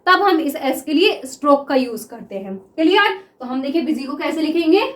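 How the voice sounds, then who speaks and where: A high-pitched woman gives a classroom lesson, drawing out example words as she writes them and checking in with her students again and again. The room rings with a noticeable echo. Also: lively intonation. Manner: repeats words slowly while writing, asks 'clear?' often. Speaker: shorthand teacher.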